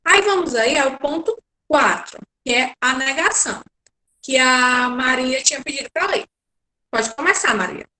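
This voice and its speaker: A woman's voice: high voice, animated, measured pace, sharp tone, a little hiss or hum. A woman teacher giving an online class over a video call, explaining step by step with frequent check-ins and hesitations. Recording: echoey room.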